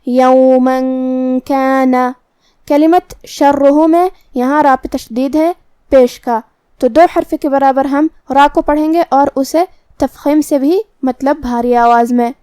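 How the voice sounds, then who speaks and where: A woman with an Urdu accent teaching Quran recitation rules, explaining pronunciation in a measured, methodical way. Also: high-pitched, steady tone, warm tone, no room sound, studio quality. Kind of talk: tajweed lesson, explaining then reciting.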